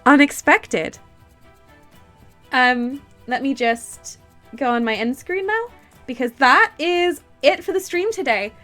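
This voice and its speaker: Soft music underscores a game stream where a woman chats casually and reads the on-screen text. She laughs easily and erupts into high delight, all while nursing a cold that's stuffed her nose and made her throat sore.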